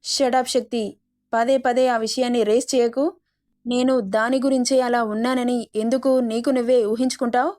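A woman's voice: on the high side, level tone, normal speed, a little mellow, close to an everyday voice. Brief: playful possessive young husband, storybook romance; woman narrator doing him, teasing, clipped when annoyed. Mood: curt. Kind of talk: storybook dialogue reading.

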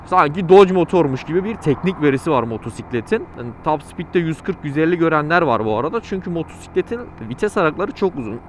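Fast-talking man inside a motorcycle helmet. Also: on the high side, expressive. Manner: chatty, slangy, thinking aloud. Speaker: motorcycle reviewer and vlogger. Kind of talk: casual motovlog commentary while riding. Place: outdoors, riding a motorcycle on the road. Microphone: microphone inside a helmet. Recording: inside a helmet, clear road noise. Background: engine and outdoor traffic noise.

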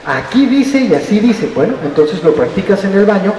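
A man's voice: high-pitched, big pitch swings, normal speed, mellow. An older man with a Mexican accent, giving a playful, joking talk to trainee teachers at a school. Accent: Mexican Spanish. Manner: playful, jokes with the audience, acts out voices. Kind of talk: lively talk with audience. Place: school auditorium. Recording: roomy hall, distant mic, faint noise.

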